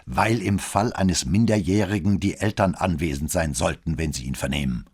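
A man's voice: low-pitched, normal speed, a little mellow, slightly rough. A man reading an audiobook, voicing a stern, curt military school commandant who speaks harshly.

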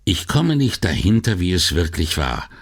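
A man's voice: deep voice, very animated, normal speed, breathy edge, exaggerated voice. A man voicing a tired, earnest middle-aged police detective in an audiobook. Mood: weary.

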